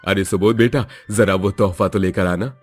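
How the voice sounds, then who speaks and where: A man doing a gentle, deep-voiced bride's father. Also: fairly even intonation, normal speed, husky, faint music behind. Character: caring middle-aged father of the bride.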